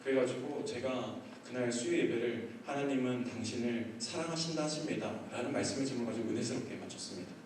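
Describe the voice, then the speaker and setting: A man, a pastor, telling his own story in a sermon, acting out his shouting and then his hushed prayers. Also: medium pitch, quick pace, few pauses, a little hiss or hum. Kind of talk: sermon testimony. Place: church hall. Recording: echoey hall, far from the mic.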